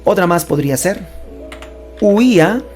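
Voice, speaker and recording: A woman teaches a playful grammar lesson with a lively voice that swings widely in pitch, set a little low for a woman. She stretches words out slowly and stresses each sound, adding chatty jokes along the way. Soft music plays underneath. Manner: chatty and joking, with asides. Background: faint background music.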